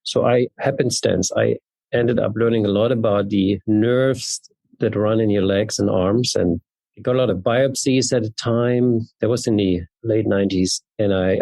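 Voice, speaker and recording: A neurologist and genetics researcher from East Berlin, this German-accented man in his fifties gives conversational answers as an interview guest. His lowish voice is gravelly and warm, at a moderate pace, with no echo.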